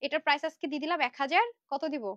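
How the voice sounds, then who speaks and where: A high, quick-talking young woman hawks dresses on a live-stream, chatty and pushy in an upbeat way, turning aside now and then to direct her helpers. The sound is dull and lo-fi, close and dry with no room around it. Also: steady tone, a bit bright, no echo. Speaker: online clothing seller. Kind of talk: live-stream sales pitch.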